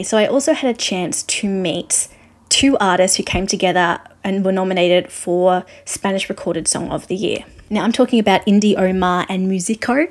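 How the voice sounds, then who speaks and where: A woman presenting a show, introducing interview segments in a chatty, enthusiastic way. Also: mid-range voice. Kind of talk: linking narration.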